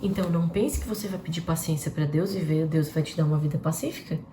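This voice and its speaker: In a devotional live-stream, a low-voiced woman talks fast, putting rhetorical questions to her viewers in a conversational way. The recording sounds roomy, with faint background noise.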